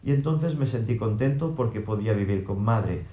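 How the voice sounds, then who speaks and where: A man reading a first-person audiobook narration in an even, literal way, in a roomy-sounding recording. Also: on the low side, normal speed, dull audio. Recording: roomy echo.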